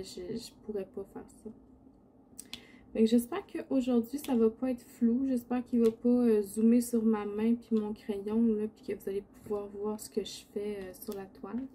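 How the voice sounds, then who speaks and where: In her indoor home craft setup, a diamond painting video host with a Quebec French accent chats casually while crafting, rambling a little in a sleepy morning voice. Her voice sits on the high side and is mellow and husky.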